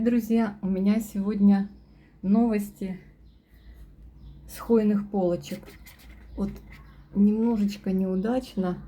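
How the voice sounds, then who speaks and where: A woman showing her houseplants in a casual vlog at home, speaking softly and often dropping to a whisper as she talks to her viewers. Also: mid-range voice, breathy edge. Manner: soft-spoken, often drops to a whisper, addresses viewers as girls. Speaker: plant vlogger. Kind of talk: casual plant-collection vlog. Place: home among houseplants, indoors.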